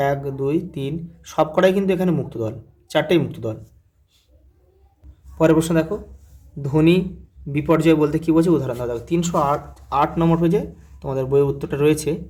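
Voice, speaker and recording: A man teacher, his voice a touch high, steps through exam questions. He keeps telling students to look at the next one and sounds out words slowly, syllable by syllable. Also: darkish tone. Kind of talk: exam answer walkthrough.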